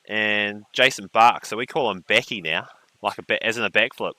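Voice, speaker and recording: A man's voice: fairly low pitch, moderate pace, bright, forceful tone, no echo, low-quality recording. A man commentating a surf contest on a live stream, with laid-back, joking banter.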